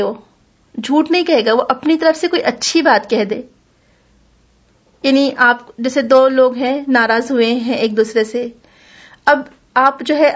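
A woman's voice: sits high, highs cut off. A woman teaching a Quran class, explaining patiently, repeating key points and reciting Arabic verses. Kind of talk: religious lesson.

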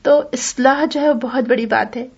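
A woman with a high voice gives a religious lesson to a class. She explains patiently and goes back over key points, now and then reciting verses. The recording sounds slightly dull and lo-fi. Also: fairly even intonation, darkish tone, breathy edge. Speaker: Quran teacher.

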